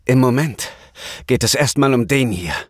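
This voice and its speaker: A man reading a German audiobook, voicing a hot-headed, hostile male bodyguard who blusters forcefully. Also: mid-range voice, expressive, moderate pace, dry recording, clean studio sound, voice pushed up, natural voice.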